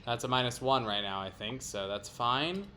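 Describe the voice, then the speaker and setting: A man's voice: mid-range voice, lively intonation, normal speed, sharp tone, a little hiss or hum. A man playing a card game aloud, explaining his moves in a playful way and laughing often. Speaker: player.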